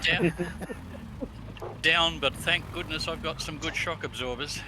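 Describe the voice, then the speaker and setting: A man in casual flight-game chat, talking haltingly as he thinks aloud. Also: on the high side. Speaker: player in a group flight-simulator session. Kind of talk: casual chat while flying in a flight simulator. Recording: noisy voice chat with vehicle-like drone.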